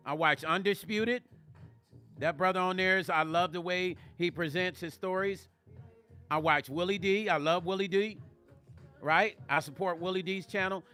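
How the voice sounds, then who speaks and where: A man's voice: sits high, normal speed, pushed and bright, faint music behind. An older man hosting a casual livestream, talking emotionally and rambling to viewers on a close studio mic. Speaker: vlog host.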